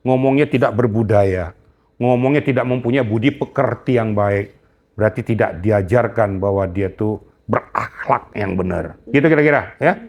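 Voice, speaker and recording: A man's voice: fairly low pitch, normal speed, darkish tone. An older man, a retired general, speaking in an interview with indignant, scolding emphasis. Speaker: retired police general, guest. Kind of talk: heated interview talk.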